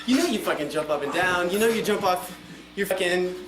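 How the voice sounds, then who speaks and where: A man's voice: sits high, animated, fairly quick. A man talking casually to the audience as a punk band singer between songs, rambling and swearing freely, in a live room recording through a PA. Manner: informal, profane, rambling. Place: small live music venue with PA. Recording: echoey live room recording, distant PA sound.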